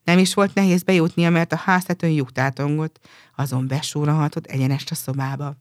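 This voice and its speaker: A woman reading a fairy tale aloud in a calm, even storytelling manner. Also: low voice, no room sound, studio quality.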